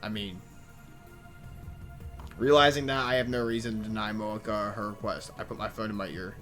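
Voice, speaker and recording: A man's voice: on the low side, steady tone, normal speed, fairly bright tone, soft background music. Stumbling man reading game text aloud. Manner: stumbles over words and restarts, mutters complaints. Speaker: let's play host reading a visual novel aloud.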